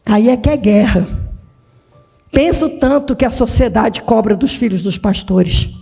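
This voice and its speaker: A woman pastor preaching a dramatic sermon in a church, swinging from shouts to hushed tones. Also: fairly high pitch, a little slow, vocal fry, breathy edge, in a large hall. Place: church hall.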